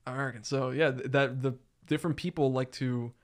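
A man from Naples, Florida, hosting a casual podcast chat, relaxed and halting with many fillers. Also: medium pitch. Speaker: podcast host.

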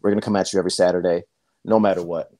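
A man's voice: deep voice, steady tone, racing, dark tone. Rambling male podcast co-host. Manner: rambling, loose with fillers. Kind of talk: casual podcast chat.

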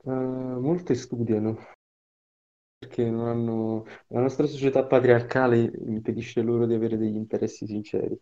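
A young man with a deadpan, ironic way of talking in a casual podcast chat. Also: medium pitch, normal speed. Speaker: podcast co-host. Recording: dull lo-fi online call audio.

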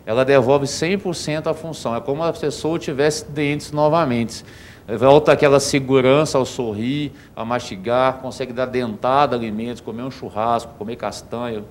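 A man explains procedures as a dentist in a TV interview, calm and methodical in his answers. His voice is mid-pitched, with a faint hum and rumble behind it. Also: moderate pace. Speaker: dentist guest.

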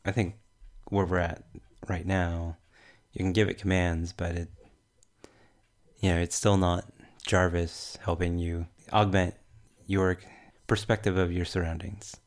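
In a casual tech discussion, a New Zealand podcast panelist speaks with a broad accent and a low, very flat voice. His delivery is measured, with hesitations as he thinks things through.

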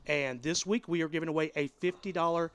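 A man's voice: fairly high pitch, fairly even intonation, brisk, a bit bright, clean tone. A man co-hosting a casual podcast, upbeat and reading out giveaway details. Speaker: podcast co-host.

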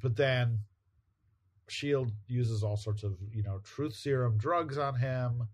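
A man's voice: mid-range voice, slow pace. A man co-hosting a casual podcast, recapping a comic book page by page and laughing easily. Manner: relaxed, laughs often, recaps by paraphrasing. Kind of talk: casual chat.

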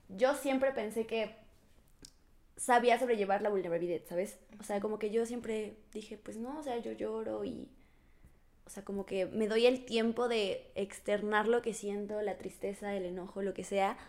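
A young Mexican woman talking in a reflective, soft-spoken way as a podcast co-host, with many fillers. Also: mid-range voice, steady tone, normal speed. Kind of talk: casual chat.

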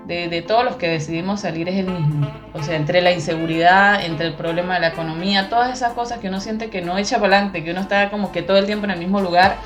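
A woman's voice: fairly low pitch, quick pace, hardly any pauses, over music. Venezuelan woman recounting her emigration. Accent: Venezuelan Spanish. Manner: animated, acts out quoted voices. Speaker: interviewee. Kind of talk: emotional personal storytelling.

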